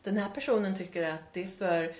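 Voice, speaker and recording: A woman in casual conversation who talks thoughtfully, pausing and restarting her sentences often. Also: mid-range voice, a little mellow. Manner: thoughtful, many hesitations and restarts. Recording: roomy echo.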